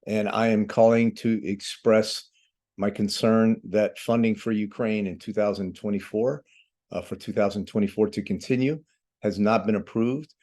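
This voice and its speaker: Man leaving a voicemail, formal and earnest, measured delivery, low-set voice. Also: darkish tone. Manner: measured and earnest, with occasional fillers. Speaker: host calling his representatives. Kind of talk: formal phone message.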